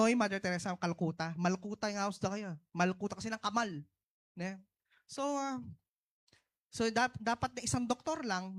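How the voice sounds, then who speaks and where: Filipino-accented pastor sharing a testimony. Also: male voice, sits high. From Philippines. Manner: switches between Tagalog and English, asks the congregation "no?" and "di ba?"; talks in short bursts with big swings in loudness. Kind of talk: sermon testimony.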